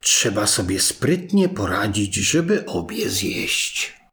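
A man voicing a sly, hungry male wolf in a read fairy tale, with a slow, coaxing manner. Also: on the low side, very animated, a bit bright, voice pushed down, heavily acted.

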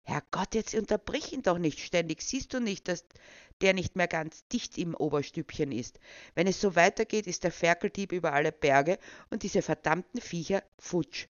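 A man's voice: high-pitched, expressive, moderate pace, no echo, highs cut off, pitched above the performer's own voice. A man doing a spiteful, pompous deputy mayor. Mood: venomous. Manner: venomous, self-important, loud.

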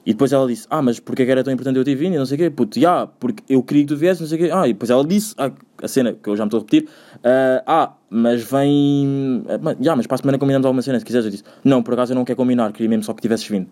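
A man's voice: medium pitch, racing, mellow. A young man with a European Portuguese accent hosting a casual solo podcast, rambling, slangy and swearing often, repeating himself as he goes. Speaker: podcast host.

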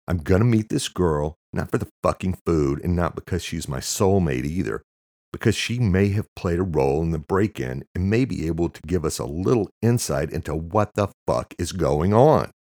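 A man with a very deep voice playing a crude, quick-tempered young male artist who swears and shouts when angry. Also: lively intonation, vocal fry, no echo, studio quality, exaggerated voice. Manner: profane, sarcastic, shouting in anger.

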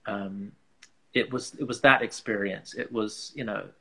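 A man from England with an English accent and a gravelly, slightly husky voice, talking earnestly and reflectively as an interview guest, working out thoughts in broken phrases. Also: on the low side, steady tone, measured pace, sharp tone, rough recording. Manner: earnest, searching, thinks aloud in broken phrases. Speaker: interview guest, musician and artist.

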